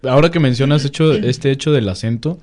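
A young man, a Mexican university student with a Mexican Spanish accent, chatting in a relaxed, casual way. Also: medium pitch, fairly quick. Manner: relaxed, conversational, uses slang fillers. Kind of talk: casual chat.

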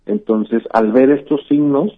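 A man's voice: mid-range voice, measured pace. A man, a physician explaining things patiently in a radio interview, with many "eh" fillers and "¿verdad?" tags. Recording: tinny phone-like line.

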